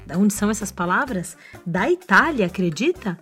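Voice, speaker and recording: A woman with a Brazilian accent telling stories to children in a playful, expressive, inviting fireside storytelling manner. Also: medium pitch, normal speed, husky. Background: music.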